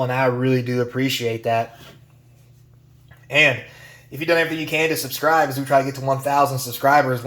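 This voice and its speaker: Male vlog host, mid-range voice, chatty and folksy, a bit under the weather with a cold. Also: mid-range voice. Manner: chatty, folksy, airline-captain catchphrases. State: recovering from a cold, clearing throat. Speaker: YouTube card channel host. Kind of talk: casual card-opening vlog talk.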